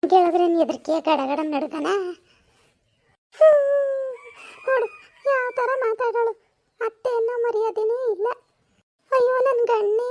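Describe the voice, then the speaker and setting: Woman doing a shrill, scolding village mother-in-law, old and quarrelsome, comedy skit. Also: a little mellow. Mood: furious. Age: older. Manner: scolding, then wailing in a high pitch. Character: nagging elderly mother-in-law, sharp-tongued and whiny.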